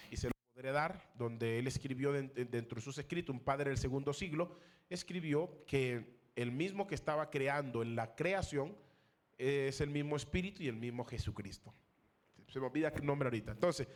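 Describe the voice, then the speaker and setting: A man who is a pastor teaching a theology class, lecturing in a classroom style, raising his voice to stress key terms, asking questions of the class and pausing with fillers. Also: medium pitch. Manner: pauses with fillers, searches for names.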